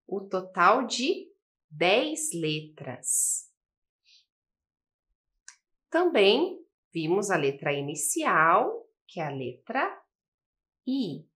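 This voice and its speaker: Brazilian woman teacher, slow and patient, lively rising and falling pitch, counts letters out loud. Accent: Brazilian Portuguese. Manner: spells and counts out slowly, asks the viewers questions. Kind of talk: slow, patient classroom lesson for children. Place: classroom-style studio with a table.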